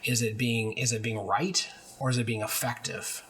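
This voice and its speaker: A middle-aged man with a husky, slightly breathy voice co-hosts a leadership podcast. He talks reflectively about his guiding principles and answers his partner with quick, agreeable yeses. His pitch sits in the ordinary middle range for a man. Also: fairly even intonation, a bit bright. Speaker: podcast co-host. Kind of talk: conversational leadership talk.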